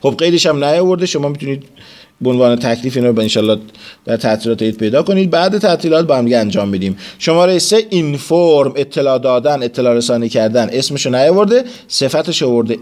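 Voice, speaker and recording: Man, teacher type, walks the class through word forms one at a time and reads each English phrase slowly before translating it. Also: medium pitch, a little mellow. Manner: explains word forms step by step, mixes in English terms. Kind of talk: classroom vocabulary lesson.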